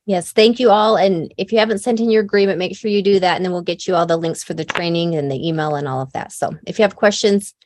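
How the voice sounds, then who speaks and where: A woman's voice: lowish voice, quick pace, few pauses, darkish tone, dry recording. A woman co-founder wrapping up a video call with her team, heartfelt and tearful as she thanks them. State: teary. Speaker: business co-founder.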